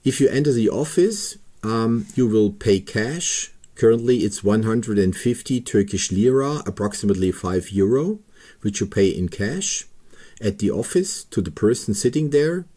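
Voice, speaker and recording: Man slowly talking through a website. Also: on the low side, animated, dark tone, breathy edge. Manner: slow, careful, step-by-step with pauses and fillers. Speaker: paragliding pilot explaining a registration website. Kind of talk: screen-recorded tutorial narration.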